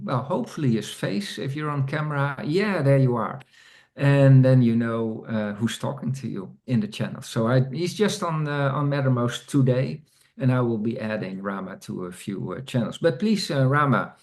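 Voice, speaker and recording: Man hosting an online meeting, halting speech. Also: mid-range voice, darkish tone. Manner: hesitant, many fillers and restarts. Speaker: meeting host. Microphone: video call.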